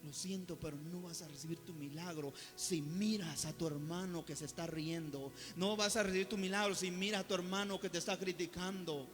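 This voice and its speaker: A man preaching a sermon, moving between quiet, soft-spoken asides and loud, fervent exhortation. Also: sits high, steady tone, brisk, few pauses. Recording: reverberant hall with soft music behind.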